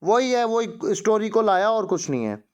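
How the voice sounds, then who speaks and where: A man with an Indian accent teaching a primary-school English lesson, switching between Hindi and English, drilling words slowly and explaining them quickly. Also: sits high, sing-song, darkish tone, clear, resonant tone, lo-fi sound. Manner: promotional asides to paying students. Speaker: English tutor.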